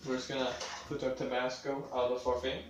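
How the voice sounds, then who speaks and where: Delivering a casual cooking demonstration in a completely flat, brisk, mid-range voice, this sniffly young man from Sweden talks offhandedly and curses now and then as he works at home. The sound is echoey and far from the mic, with faint music behind.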